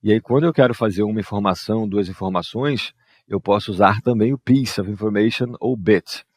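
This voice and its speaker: A man's voice: lowish voice, fairly quick, a little mellow, no echo, clean studio sound. A man, patiently explaining exercise answers as an English teacher and often adding "né" and "ó". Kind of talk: explaining exercise answers over a screen share.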